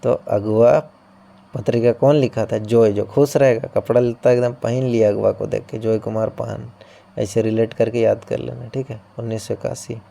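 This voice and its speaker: A man's voice: medium pitch, little pitch movement, moderate pace, vocal fry, dark tone. A man teaching an exam-prep class, explaining through playful memory tricks and often checking in with his students. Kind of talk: coaching-class lesson.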